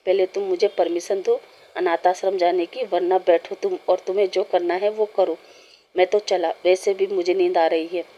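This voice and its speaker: A sulky, stubborn young man who answers back with huffy defiance, voiced by a woman reading the story aloud. The voice is low and mellow, with a soft, dark tone. He sounds cross and unwilling to give in. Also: fairly even intonation, normal speed, lo-fi sound, lightly acted. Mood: huffy, defiant.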